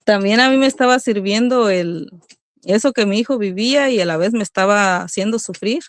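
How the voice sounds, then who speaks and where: A woman's voice: medium pitch, a little fast, no room sound, clean studio sound. A middle-aged woman giving an earnest religious testimony as a mother, speaking to her listeners as brothers.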